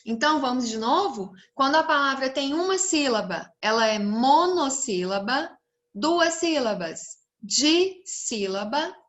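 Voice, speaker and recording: A woman's voice: high-pitched, expressive, unhurried, a bit bright. A young Brazilian woman teaching a recorded lesson to children, stretching out words and asking the pupils questions. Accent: Brazilian Portuguese.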